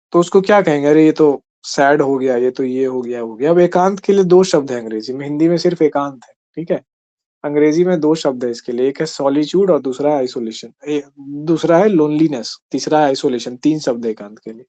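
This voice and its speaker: Man lecturing in a mellow voice. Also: fairly high pitch. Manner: conversational, keeps asking "ठीक है?". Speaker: teacher. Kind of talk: exam-prep lecture.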